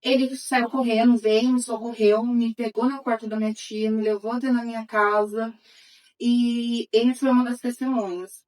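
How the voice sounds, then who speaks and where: A woman, a guest in an interview, telling her personal story earnestly, her voice swinging between hushed and raised. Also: fairly high pitch, flat delivery, moderate pace, poor audio. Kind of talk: emotional personal testimony.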